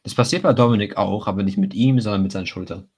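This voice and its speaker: A young man with a low voice and a smoker's rasp chats casually on a podcast. He teases his co-host and drops English slang into loose, informal banter. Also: fast talker, a little mellow. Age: teenager or young adult. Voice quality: raspy, like a smoker's voice.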